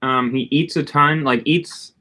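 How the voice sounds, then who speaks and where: A man's voice: on the high side, fairly even intonation, unhurried, sharp tone. A man co-hosting a casual livestream, rambling and greeting viewers in the chat by name. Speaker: livestream co-host.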